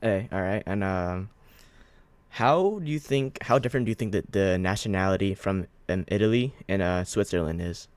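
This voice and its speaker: A man with a somewhat low voice hosts a casual interview, recorded dry and close with no room sound. He asks his questions in a rambling, hesitant way, restarting often. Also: normal speed, no room sound. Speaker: host, interviewer.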